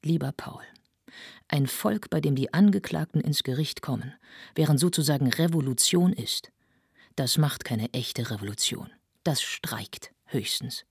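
A woman voicing a sober, skeptical man giving a dry, ironic account, with a slightly husky voice. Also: low voice, darkish tone, no echo, exaggerated voice.

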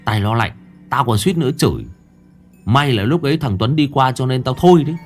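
A man voicing a scared, stubborn village boy in a spoken ghost story, talking in an insistent, excited way. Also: medium pitch, fairly quick, faint music behind, lightly acted.

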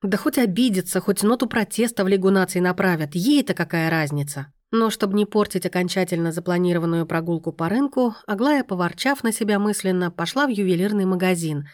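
A woman's voice: fairly low pitch, fairly quick, few pauses, a little mellow, no room sound, studio quality. A woman narrating a story aloud in a wry, sardonic manner. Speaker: audiobook narrator. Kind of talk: scripted narration.

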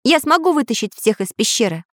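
A woman's voice: a little high, sing-song, brisk, fairly bright tone, no echo, studio quality, pitched above the performer's own voice. A woman voicing a metal handyman figure who speaks earnestly and practically. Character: handy tin-man tinkerer who fears rust.

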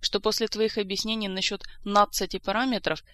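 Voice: medium pitch, little pitch movement, a little fast, bright, forceful tone, no echo, natural voice. An audiobook reader voicing a sardonic, sullen prince, a grown man in a fantasy tale. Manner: gloating, then sullen.

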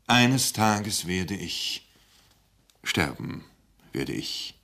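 A man reading aloud and voicing a vain, self-pitying older male essayist who speaks slowly with theatrical pauses. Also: deep voice, fairly bright tone. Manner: slow, mournful, theatrical pauses.

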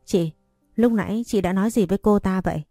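A woman's voice: mid-range voice, brisk, dark tone, no echo, clean studio sound, faint music behind, natural voice. A woman storyteller voicing a timid young female shop worker, asking with curious, anxious questions.

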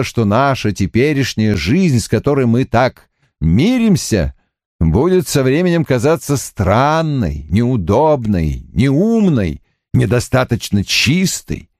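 A man's voice: very animated, darkish tone, dry recording, clean studio sound. A man playing a musing middle-aged officer. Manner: slow, musing, drops low. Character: middle-aged male officer, reflective philosopher. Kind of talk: audiobook character reading.

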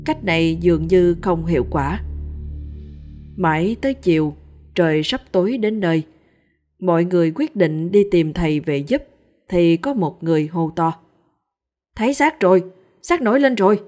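A woman narrates a first-person ghost story in a steady, measured way. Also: on the low side, faint music behind.

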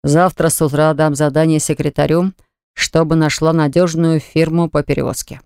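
A narrator voicing a domineering man who lays down orders to his lover, speaking slowly and weightily in a smooth, dry, close-miked voice. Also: mid-range voice, level tone, darkish tone, no room sound, natural voice. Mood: commanding. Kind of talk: audiobook character voice.

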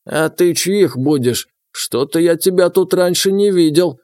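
A man voicing a suspicious, creaky old village man who questions a stranger. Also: high voice, darkish tone, no echo, clean studio sound, voice pushed up. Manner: distrustful, drawn-out questioning.

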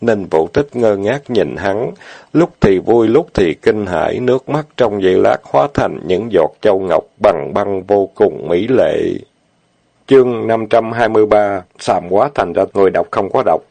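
A man narrating an audiobook novel in a steady, plain reading. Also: on the low side, a little slow, creaky, no room sound. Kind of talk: storytelling narration.

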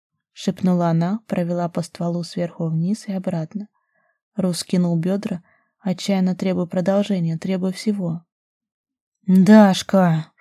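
A woman reads a novel aloud in an even, steady storytelling way. Her voice is very dark and mellow with a husky grain. The sound is close and dry, with no room echo. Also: lowish voice. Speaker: audiobook narrator. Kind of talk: scripted narration.

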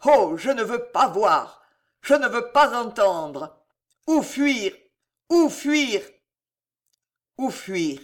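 A man voicing a terrified young king who rants and pleads in panic, shouting at the clamor around him. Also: very high voice, big pitch swings, drawn-out words, long pauses, full character voice. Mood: panicked horror. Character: frantic terrified young king raving at bells.

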